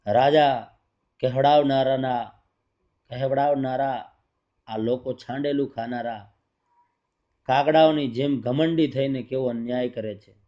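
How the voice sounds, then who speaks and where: A man's voice: medium pitch, highs cut off, lightly acted. A man reading as a furious young hermit boy.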